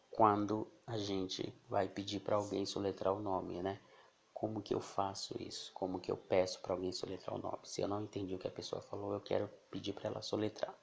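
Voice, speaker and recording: A man teaching English in an unhurried, drawn-out way. His fairly low voice has a gravelly edge, and he keeps checking that the class is following him. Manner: slow, explaining patiently with frequent tag questions. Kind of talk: online English lesson.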